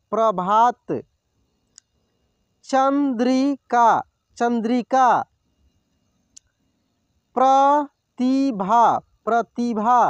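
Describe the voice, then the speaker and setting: A man teaching a Hindi reading lesson, saying each word slowly and clearly, then repeating it, and often checking with his viewers. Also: extremely high pitch, dry recording, muffled recording. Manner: addresses viewers as friends, checks with "okay?". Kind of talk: slow classroom reading lesson.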